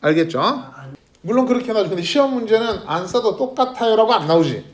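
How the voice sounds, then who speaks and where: A man with a high-pitched voice talks fast while teaching an English grammar lesson to a middle school class. He's lively, quizzing his students constantly and calling on them by name in this classroom lecture.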